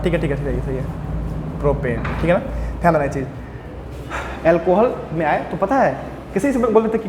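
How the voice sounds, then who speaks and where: High-voiced man teaching chemistry, echoey room. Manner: asks and answers his own questions; counts atoms aloud while drawing. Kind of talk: classroom lesson. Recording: roomy echo, faint background noise.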